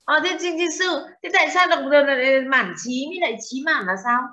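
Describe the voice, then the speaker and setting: A woman's voice: sits high, lively intonation, a little fast, bright, forceful tone. A woman teaching a translation class, questioning students and explaining terms with foreign words mixed in. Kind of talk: classroom lecture. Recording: dull lo-fi sound.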